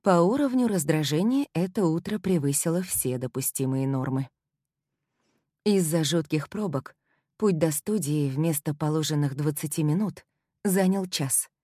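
Low-voiced woman narrating a novel. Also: expressive, moderate pace, mellow, no room sound, clean studio sound. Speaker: audiobook narrator. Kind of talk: first-person novel narration.

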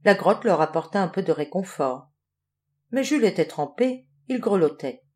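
A woman narrating a children's audiobook in a clear, measured storytelling manner. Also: fairly low pitch, lively intonation, darkish tone. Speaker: audiobook reader.

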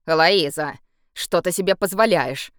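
A woman's voice: fairly low pitch, a little slow, smooth, no echo, clean studio sound, natural voice. A woman voicing a possessive male emperor who speaks coldly and commandingly. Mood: angry. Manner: cold and commanding. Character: cold, possessive male emperor with a beastly temper. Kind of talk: audiobook character voice.

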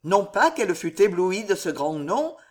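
Female audiobook narrator: slow, animated, dramatic reading. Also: mid-range voice. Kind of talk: scripted narration.

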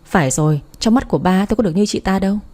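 A woman's voice: mid-range voice, rapid-fire, a little mellow, natural voice. A woman reading an audiobook, voicing a spiteful, hysterical young woman hurling bitter accusations.

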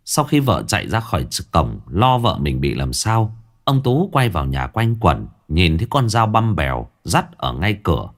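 A man narrates a ghost story. His lowish voice rises and falls dramatically as he reads. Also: normal speed. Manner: dramatic, expressive reading.

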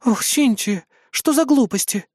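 A man voicing a gentle, affectionate woman who soothes her best friend, in an audiobook. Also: very high-pitched, measured pace, no echo, studio quality, pitched above the performer's own voice. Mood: soothing.

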